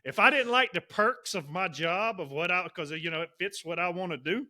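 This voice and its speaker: A man's voice: high voice, moderate pace, pushed and bright. A man, co-hosting a podcast and telling rambling stories in casual chat. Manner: rambling storyteller, Southern turns of phrase. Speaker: podcast co-host.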